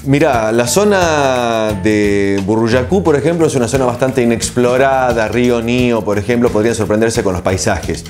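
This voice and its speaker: Giving casual interview answers as a guest, an Argentine man who works as a TV host and producer muses in a relaxed, reflective way, with many filler pauses. His voice is medium-pitched, he wears a lapel mic, and soft music plays in the background.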